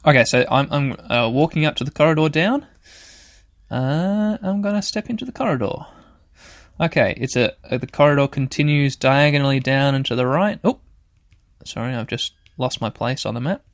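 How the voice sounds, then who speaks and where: A man with a medium-pitched voice talks through a video game in a dry-sounding space. His delivery is casual and rambling, with halting phrases as he thinks aloud and describes each move. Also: expressive, dry recording. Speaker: host of a gaming show. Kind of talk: casual let's play commentary. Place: shed.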